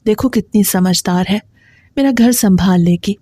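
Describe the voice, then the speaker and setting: A harsh, dismissive father who talks down to his daughter in a gruff, scolding way, as a woman storyteller reads him. The reading voice is warm and mellow in a dry, close recording. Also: mid-range voice, dry recording, natural voice. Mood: pleased.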